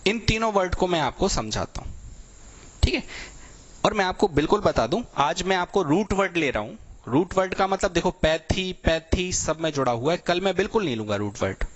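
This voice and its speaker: A young man gives a vocabulary lecture in a chatty, explanatory way. He walks students through meanings with homely examples and keeps checking in after every point. His voice sits a bit higher than most men's. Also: animated, normal speed. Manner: explanatory, repeats "thik hai" constantly, tells everyday examples. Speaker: teacher.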